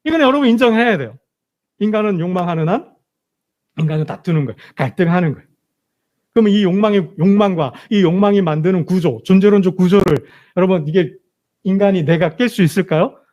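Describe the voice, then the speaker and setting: Man, pastor, church sermon, high-pitched, repetitive rhetorical questions, emphatic. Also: a little fast, darkish tone, dull audio. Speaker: senior pastor. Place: church sanctuary.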